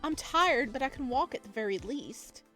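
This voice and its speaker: With a high-pitched, expressive voice that sounds pushed and bright, a woman reads a visual novel aloud at a moderate pace while chatting about the game. She giggles and reacts out loud as a let's play host, and music can be heard behind her.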